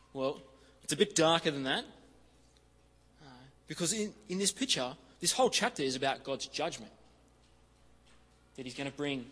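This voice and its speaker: A man delivers a sermon in a chatty, easygoing way and leans on repetition to drive his points home. His voice sits fairly high for a man. It rings out with the long reverb of a large hall. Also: fairly bright tone. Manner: conversational, leans on "kinda" and repeats for emphasis. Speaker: preacher. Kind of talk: expository sermon.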